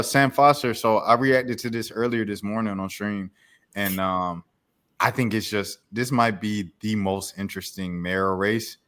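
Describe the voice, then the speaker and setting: A young adult podcast host with a medium-pitched, fairly bright voice keeps the chat casual and easygoing. He chuckles along and drifts into slang.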